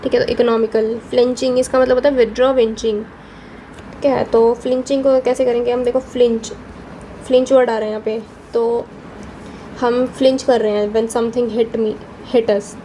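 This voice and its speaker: A woman's voice: fairly high pitch, little pitch movement, normal speed, mellow, slight background noise, rough recording. A young woman teaching exam vocabulary with mnemonic tricks, explaining patiently. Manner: explains patiently, repeats "ठीक है" between points.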